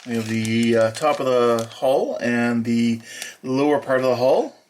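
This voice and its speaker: Male hobbyist host, mid-range voice, halting and unpolished, faint hiss behind. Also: mid-range voice, a little mellow. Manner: hesitant, many filler pauses; plain, matter-of-fact describing. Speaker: hobby model builder. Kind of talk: unboxing walkthrough.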